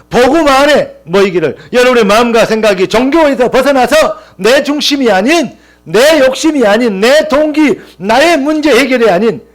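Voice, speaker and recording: A male pastor preaching a sermon with impassioned, rising emphatic lists and calls of hallelujah. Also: high voice.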